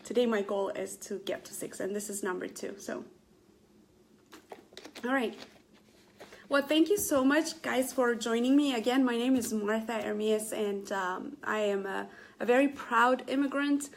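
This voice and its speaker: A woman's voice: on the high side, unhurried. A middle-aged woman from Ethiopia hosting a casual live stream, talking earnestly to viewers with many fillers and restarts. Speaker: Facebook Live motivational host.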